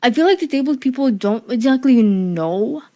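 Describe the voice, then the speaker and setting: A young Cuban woman who streams and lives in the USA talks casually in an interview, her voice on the high side, expressive, moderately paced, and dark in tone. Hearing loss gives her a speech impediment. She uses lots of fillers and restarts and laughs easily.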